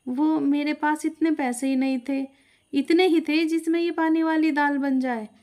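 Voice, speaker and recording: A meek, sad young wife from a storybook tale, voiced by a woman narrator. She pleads timidly in a high voice. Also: steady tone, a little slow, a little mellow.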